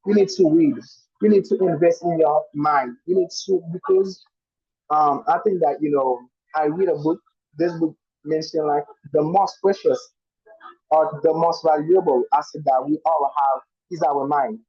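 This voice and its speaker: Over muffled online call audio, a husky man's voice on the high side speaks at a moderate pace with no room sound. A student in an online speaking class whose first language is Haitian Creole, he gives a casual answer, restarting often and leaning on "you know."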